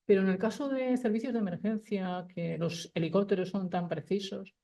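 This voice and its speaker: A woman's voice: mid-range voice, steady tone, moderate pace, creaky, dark tone. A woman moderating a conference talk, asking a speaker questions with hesitant phrasing. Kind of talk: panel questions.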